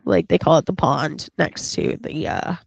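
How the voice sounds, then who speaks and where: A woman with a gravelly, creaky edge to her mid-pitched voice talks through a movie recap in a loose, rambling way, stopping and restarting her sentences. The recording is dry and a little dull, like lo-fi podcast audio. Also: moderate pace, no echo. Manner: rambling retelling full of fillers and restarts, acting out quotes. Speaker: podcast co-host. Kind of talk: casual podcast film recap.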